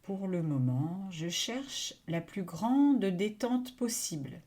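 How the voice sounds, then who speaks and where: A woman guides a yoga nidra relaxation meditation in a calm, soothing manner. Her voice is on the low side, and she speaks in short phrases separated by long pauses.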